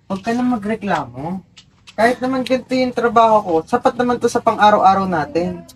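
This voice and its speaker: A woman's voice: a little high, expressive, fairly quick, close to an everyday voice, poor audio. A woman acting as a drunken, jobless husband who swears and argues in a student drama. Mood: drunk defensive.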